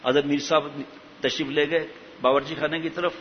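A man with a slightly high voice and steady tone preaches a sermon passionately, firing many rhetorical questions at his listeners. The sound is dull and lo-fi from an echoey hall, with slight background noise.

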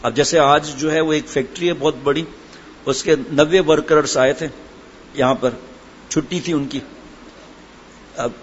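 A man's voice: on the high side, steady tone, pauses often. A man preaching a sermon and telling humorous anecdotes in a chatty way, full of asides. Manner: conversational storytelling, chatty asides. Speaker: religious preacher. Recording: dull lo-fi with faint background noise.

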